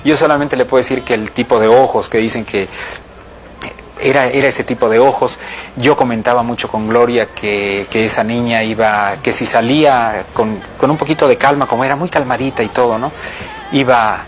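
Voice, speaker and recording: A man's voice: mid-range voice, steady tone, moderate pace, a little hiss or hum. A man recalling the past in an interview, reflective and leaning on tag questions. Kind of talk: casual recollection.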